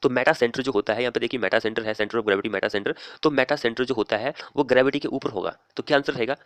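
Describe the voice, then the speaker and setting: A male teacher reading exam questions aloud slowly and explaining each answer in a plain, steady way. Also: medium pitch, no room sound. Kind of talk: screen-recorded exam lesson.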